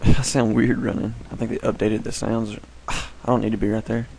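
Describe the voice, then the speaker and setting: A man chats casually over his gameplay, rambling and often fixing his own slips. His voice sits a bit low and has a gravelly texture. A faint hiss stays in the background. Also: level tone, moderate pace, a little mellow, rough recording. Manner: rambling, self-correcting. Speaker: gameplay commentator.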